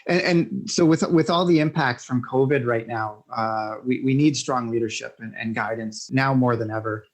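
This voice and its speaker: A man's voice: medium pitch, moderate pace. A man hosting a podcast interview, asking questions in a friendly, informal way with frequent fillers and restarts. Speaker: podcast host.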